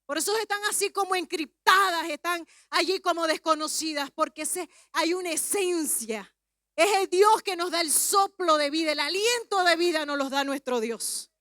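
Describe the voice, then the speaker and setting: A woman preacher giving a Pentecostal sermon, teaching calmly, then rising to shouted fervor. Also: very high voice, moderate pace, no room sound, studio quality.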